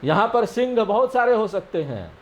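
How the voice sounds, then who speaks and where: A man giving a scripture lesson. He explains each verse slowly and often checks with his listeners. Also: high-pitched, very animated. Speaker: spiritual teacher.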